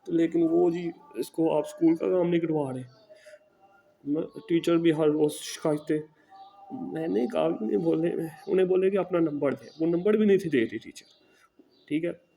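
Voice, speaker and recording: Pakistani man, home tutor, casual earnest storytelling, gravelly and dark-toned. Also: a little high. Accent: Pakistani Urdu. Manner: earnest, repeats "ٹھیک ہے" as a tag.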